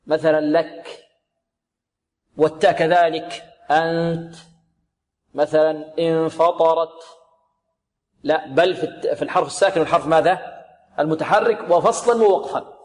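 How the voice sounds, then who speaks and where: A man teaching the rules of Quran recitation in a lesson, asking rhetorical questions, answering them himself, and slowly repeating words to show how they should sound. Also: on the high side, a little mellow. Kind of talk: tajweed lesson, explaining and demonstrating recitation. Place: religious radio program recording.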